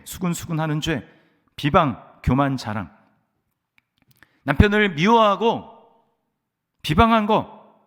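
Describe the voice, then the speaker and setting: A man preaching a sermon as pastor, swinging between loud exhortation and hushed storytelling. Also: mid-range voice. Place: church sanctuary. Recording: long church hall reverb.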